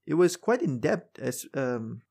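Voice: medium pitch, big pitch swings, measured pace, gravelly, mellow, husky. A podcast host chatting casually and earnestly with a guest about tabletop games and the skills they use.

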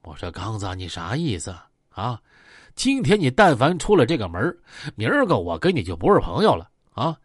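A man's voice: mid-range voice, wildly swooping pitch, moderate pace, slightly rough, no room sound, clean studio sound. A man with a Northeastern Mandarin accent voicing a proud gangster in his fifties who talks indignantly and boastfully.

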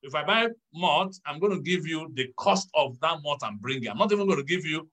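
A man, a pastor, teaching in a church talk show, measured and stressing key words. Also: a little high, animated, fairly bright tone, poor audio.

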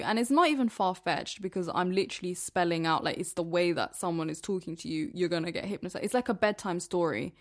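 Rambling woman vlogger, casual monologue. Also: mid-range voice. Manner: rambling, filler-heavy, swings between emphatic and hushed. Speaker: vlogger and singer.

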